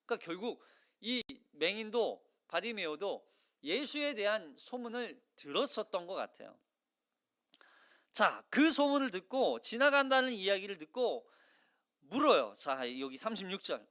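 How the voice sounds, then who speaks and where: A male pastor giving a Sunday sermon in a conversational, animated way, acting out the voices of the crowd. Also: high-pitched, moderate pace. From South Korea.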